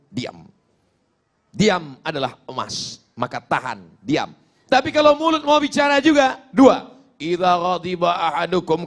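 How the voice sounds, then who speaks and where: A man preaching a sermon, joking, dropping from shouted emphasis to low asides and chanting Arabic quotes.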